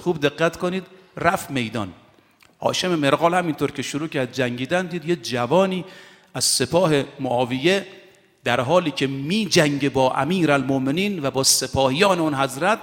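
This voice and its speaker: A man giving a sermon as a storyteller. He swings between hushed and loudly impassioned stretches and recites passages in Arabic. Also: on the high side. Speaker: preacher. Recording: long reverb of a hall.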